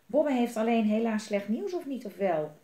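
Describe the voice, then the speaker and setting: A woman's voice: on the high side, animated, normal speed, mellow, roomy sound, voice pushed up. A woman reading aloud, voicing a small, brave, boastful male gorgel creature who talks about himself by name. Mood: explaining.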